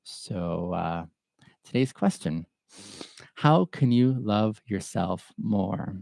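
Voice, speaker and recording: Male host from Ethiopia, solo reflective talk, gravelly voice, dry close sound. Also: fairly low pitch, darkish tone, no room sound. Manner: thoughtful and halting, with pauses and fillers. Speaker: podcast host answering viewer questions.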